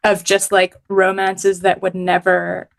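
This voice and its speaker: This Hong Kong journalist's medium-pitched voice is completely flat and slow, with vocal fry. Even so, as a podcast guest she's chatty and casual, full of fillers and frequent laughs.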